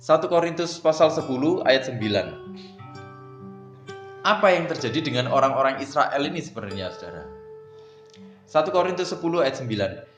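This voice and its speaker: A man preaching a sermon, often turning to address his listeners and swinging between soft and loud emphasis. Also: mid-range voice, big pitch swings, normal speed, pauses often. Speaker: pastor. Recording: echoey room with faint guitar music.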